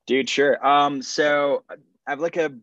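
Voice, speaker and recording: A young Swiss man, French being his native language, rambles casually as a podcast guest, peppering his talk with fillers in a relaxed, conversational way. His voice is fairly high and slow, and the audio is dry but dull.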